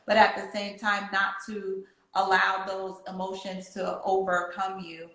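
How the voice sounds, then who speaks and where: A woman's voice: mid-range voice, completely flat delivery, a little slow, sharp tone, roomy sound, low-quality recording. A woman who teaches laughter yoga, talking earnestly in casual chat, with many fillers and restarts.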